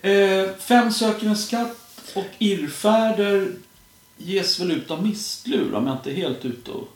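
A man interviewing a musician, friendly and quick to agree, asking about his early records. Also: high voice. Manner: friendly, affirming with short acknowledgements. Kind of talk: casual interview. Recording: roomy echo.

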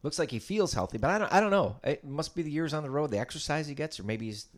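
A man's voice: fairly high pitch, lively intonation, quick pace. A man talking casually as a returning guest on a podcast. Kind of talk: casual chat.

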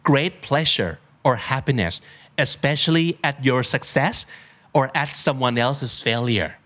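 A man's voice: mid-range voice, lively intonation, extremely slow, a bit bright. A man hosting a casual vocabulary podcast, explaining words in a chatty way and spelling them out letter by letter. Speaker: podcast host.

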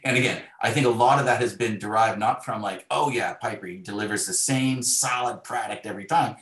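A guest author in a conversational interview tells his stories by acting out imagined dialogue. His voice sits on the low side, a bit bright and a little fast, and the sound is roomy and echoey.

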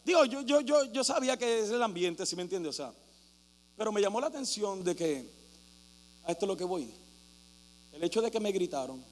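A man preaching a sermon as pastor, telling a story animatedly and acting out shouting crowds. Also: sits high, expressive, a little fast, long pauses. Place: church hall. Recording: reverberant hall with mains hum.

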